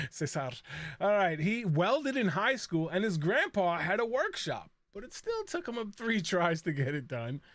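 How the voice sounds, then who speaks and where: High-voiced man hosting a chatty recap. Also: sing-song, a little slow, a bit bright, no echo. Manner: chatty, laughs often mid-sentence. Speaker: podcast co-host. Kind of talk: casual recap chat.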